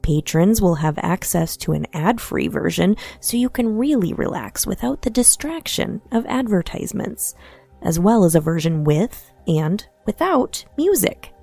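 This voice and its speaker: Female sleep story narrator, soft and soothing, mid-pitched with noticeable vocal fry, music underneath. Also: very animated, unhurried, no echo. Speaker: podcast host and narrator. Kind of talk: sleep story narration, scripted true crime bedtime storytelling.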